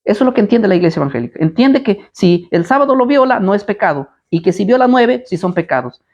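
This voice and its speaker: A man's voice: high-pitched, sing-song, quick pace, darkish tone, lo-fi sound. A man preaching at a live Bible study, combative and blunt, firing rhetorical questions at his listeners.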